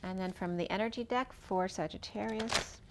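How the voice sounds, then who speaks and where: A woman's voice: medium pitch, moderate pace, noisy background. A woman giving a casual tarot reading, talking through each card as she draws it while losing her voice. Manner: chatty, thinking aloud while drawing cards.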